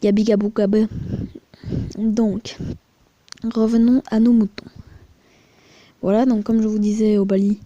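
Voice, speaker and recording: A woman's voice: a little high, level tone, unhurried, long pauses, warm tone, dry recording, muffled recording. A woman giving crude, rambling, chatty commentary while showing her mobile game, with muttered asides. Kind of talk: casual screen-recording commentary.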